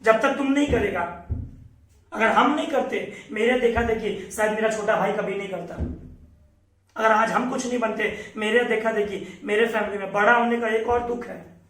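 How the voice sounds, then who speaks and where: Emphatic high-voiced man, echoey room. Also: normal speed, a bit bright, far from the mic. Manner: emphatic, scolding and earnest. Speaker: teacher. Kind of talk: motivational talk to students.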